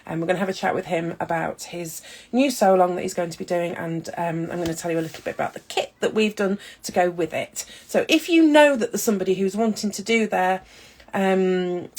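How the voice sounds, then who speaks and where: A woman's voice: on the low side, brisk, a little mellow. A woman hosting a casual video call interview, chatty and giggly with lots of fillers. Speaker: host.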